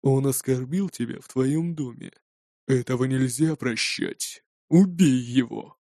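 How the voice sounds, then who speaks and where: A fierce viking warrior growls his words low and slow, played by a male audiobook narrator. His menace is heavy and deliberate. The recording is dry and close. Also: darkish tone, no echo. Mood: urging low.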